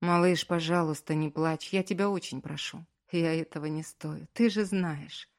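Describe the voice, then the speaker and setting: A hoarse, low-voiced male prisoner, as a woman narrator puts him on in a storybook reading. He sounds raw and strained, pleading with his wife one moment and scolding her with force the next. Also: fairly even intonation, normal speed.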